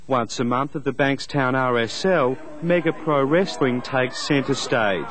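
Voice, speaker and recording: A man's voice: medium pitch, unhurried, a bit bright. An Australian man narrating a scripted TV news feature as its reporter, in a wry, tongue-in-cheek way.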